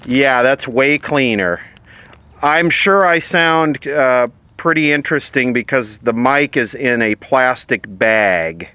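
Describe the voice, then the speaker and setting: An American man chats casually at an outdoor table while testing a vintage CB radio for a vlog, his manner plainspoken and wry. His mid-range voice comes out slow, pushed, and bright. The recording carries faint background noise.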